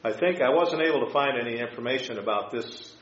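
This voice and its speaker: A man teaching an informal Bible class, explaining scripture and history in a halting, tentative way. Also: mid-range voice, fairly bright tone. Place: echoing room, teaching a class. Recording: echoey room, dull sound, faint noise.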